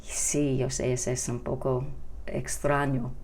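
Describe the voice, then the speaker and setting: A woman teaching English to Spanish speakers. She explains slowly and repeats each English example with care. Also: very deep voice, flat delivery, darkish tone. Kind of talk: Spanish-language English lesson. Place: home during quarantine.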